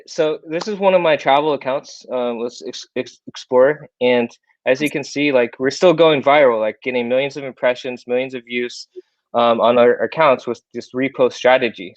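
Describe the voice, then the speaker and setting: A young man presents a casual online talk, upbeat and full of fillers. His pitch sits in the middle range. The sound is dry and a little muffled. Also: normal speed, no room sound. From born in South Korea, raised in Iowa, USA. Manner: chatty, filler-heavy, upbeat. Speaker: guest presenter.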